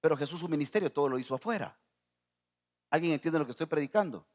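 A middle-aged man from El Salvador with a Salvadoran accent, preaching a sermon as pastor, rising to near-shouting and calling out to the congregation. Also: fairly high pitch, fast. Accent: Salvadoran Spanish.

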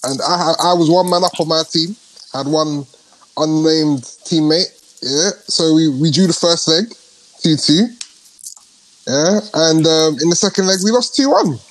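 Young london roadman guy, fairly high voice, slangy jokey podcast banter. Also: unhurried, poor audio. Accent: London, urban roadman slang. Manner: slangy, joking. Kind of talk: casual group banter.

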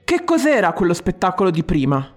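A boisterous, bossy boss who rules his themed restaurant as its king, as an audiobook narrator puts him on. He talks in loud, booming exclamations and swings his voice low for emphasis. Soft music plays faintly behind. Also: unhurried, lightly acted. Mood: angry.

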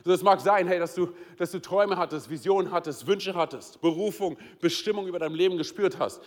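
A man's voice: high voice, a little fast. German preacher man, hall reverb. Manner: storytelling with humor, rising to passionate preaching. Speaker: pastor. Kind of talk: sermon. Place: church hall.

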